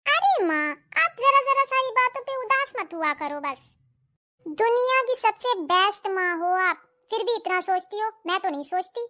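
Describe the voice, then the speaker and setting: A woman's voice: very high voice, lively intonation, unhurried, pushed and bright, pitched above the performer's own voice, heavily acted. A woman voicing a cheerful, caring young daughter in a cartoon story. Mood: playful. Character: cheerful caring eldest daughter, girl, teasing. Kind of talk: cartoon voice acting.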